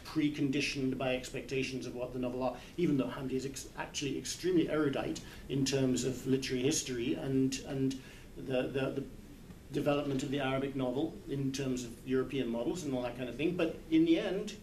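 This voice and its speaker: At a book club in a large indoor hall, a literary translator in his sixties sits with a small group in a circle. His medium-pitched, somewhat dark voice is thoughtful and hesitant as he searches for words. A camera a few metres away picks him up, echoey and distant, with background noise.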